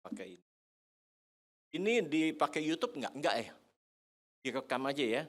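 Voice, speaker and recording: An older man preaching a sermon to seniors in a church hall, lively and joking, often quizzing the congregation. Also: mid-range voice, normal speed. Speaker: pastor.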